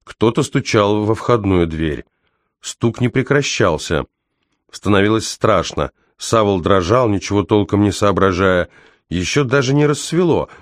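Low-voiced man narrating a tense story. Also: expressive, unhurried, no room sound, studio quality. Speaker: audiobook narrator. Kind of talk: scripted narration.

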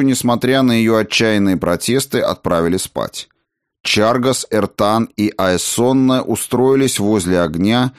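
Low-voiced man narrating fantasy. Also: no room sound, studio quality.

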